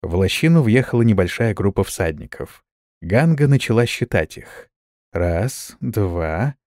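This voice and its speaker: A man's voice: fairly low pitch, animated, measured pace, darkish tone, no echo, clean studio sound. A man narrating a fantasy story as an audiobook, telling it expressively.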